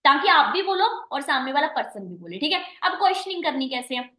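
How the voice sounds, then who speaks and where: A woman's voice: sits high, big pitch swings, fairly quick, pushed and bright, roomy sound. A woman manager giving a recorded training meeting, coaching her team and checking in often with "right?" and "okay". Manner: coaching, repeats "ठीक है" and "है ना" often; addresses listeners as dear and guys. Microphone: online meeting recording.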